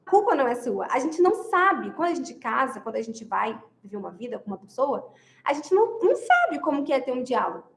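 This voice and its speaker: Emphatic high-voiced woman. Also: big pitch swings, fast, creaky, reverberant. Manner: emphatic, repeats key phrases, addresses viewers directly. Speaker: marriage advice speaker. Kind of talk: direct-to-camera advice talk.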